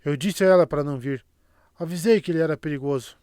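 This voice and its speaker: A man reading the lines of a calm, commanding sorceress in a measured, curt way. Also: fairly high pitch, clean tone, no room sound, studio quality, lightly acted. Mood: calm firm. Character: calm commanding Aes Sedai woman.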